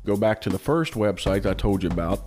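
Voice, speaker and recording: A man's voice: on the low side, expressive, brisk, darkish tone, soft background music. A man hosting a casual podcast, telling folksy stories and laughing often. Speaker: podcast host.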